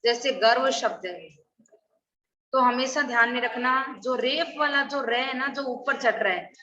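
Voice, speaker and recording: A woman's voice: on the high side, a little slow, bright, forceful tone. A middle-aged woman teacher giving an online class, drilling correct spellings by contrasting wrong and right forms and asking questions she then answers herself. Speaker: school Hindi teacher. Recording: echoey, distant, dull online class audio.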